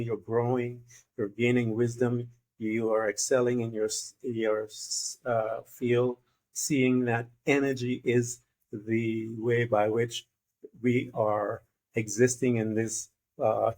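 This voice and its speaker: A man from Guyana hosting an interview, talking in a thoughtful, meandering way with many fillers. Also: medium pitch. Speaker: interview host. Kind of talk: casual interview conversation.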